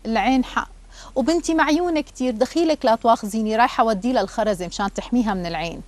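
A woman's voice: a little high, rapid-fire, dry recording, close to an everyday voice. A woman voicing an anxious, superstitious mother, in a radio story. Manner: worried, pleading.

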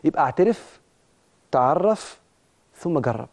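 A man's voice: fairly high pitch, big pitch swings, measured pace, gravelly, darkish tone. A man with an Egyptian accent hosting a religious motivational talk show, preaching emphatically and speaking straight to his listeners.

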